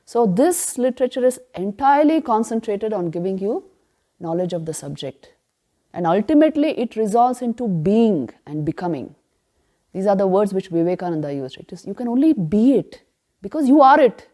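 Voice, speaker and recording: A woman giving a spiritual retreat class on scripture, emphatic, asking rhetorical questions and answering them, and chanting verses slowly. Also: medium pitch, big pitch swings, warm tone. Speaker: spiritual teacher.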